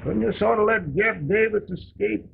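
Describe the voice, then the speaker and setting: An actor playing a weary, folksy, merciful wartime president in an early talkie film, with gravelly, deliberate, homespun delivery. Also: male voice, high voice, fairly even intonation. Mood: wry, folksy. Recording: tinny, noisy early sound film track.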